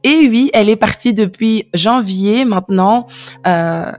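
A woman's voice: mid-range voice, measured pace, darkish tone. A woman hosting a faith podcast, talking in a chatty interview style with frequent fillers and restarts. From Belgium. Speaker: podcast host. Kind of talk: warm conversational podcast interview.

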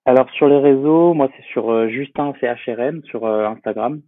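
A man's voice: medium pitch, moderate pace, no room sound. A young man chatting as an interview guest, his speech full of hesitant fillers and self-corrections. His voice comes through a thin, phone-like line with no room sound at all. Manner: hesitant, many fillers and restarts. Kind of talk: casual interview talk. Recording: tinny phone-like line, dry.

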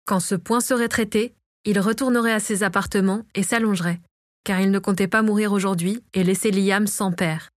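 A woman narrating a fantasy novel in a steady, measured reading. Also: medium pitch, no room sound, studio quality. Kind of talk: audiobook narration.

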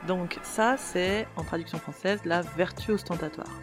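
A woman's voice: lowish voice, moderate pace, over music. A woman hosting a podcast, talking casually in a chatty commentary with frequent fillers, a little tired. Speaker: podcast host.

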